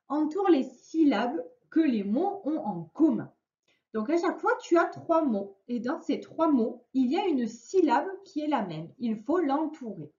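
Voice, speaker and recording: A woman teacher giving a slow, clearly spoken lesson to children, stretching out each word. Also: high voice, darkish tone. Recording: echoey room, dull lo-fi sound.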